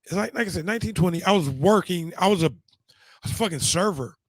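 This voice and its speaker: Here the same sort of casual show-host chat comes from a middle-aged man who is losing his voice and talks fast in a high, animated voice. There's no echo, and his stories wander with many restarts and fillers.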